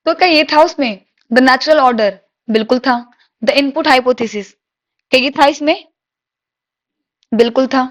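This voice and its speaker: Woman teacher with a high voice, drills exam questions and answers them herself. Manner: reads English questions slowly, explains in Hindi with rhetorical questions. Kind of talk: exam-prep lecture.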